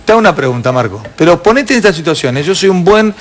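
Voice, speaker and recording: An Argentine man with a high, bright-edged speaking voice hosts a lively TV studio panel. He spins animated stories and jumps between thoughts, restarting lines as he goes. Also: fast. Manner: animated, storytelling, restarts often. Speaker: talk show host.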